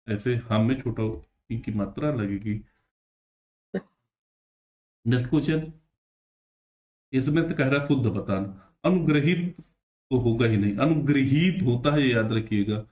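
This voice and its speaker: A man's voice: mid-range voice, warm tone. Male teacher, exam-prep spelling lesson, patient and repetitive, drags words out syllable by syllable. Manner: explains patiently, repeats words slowly.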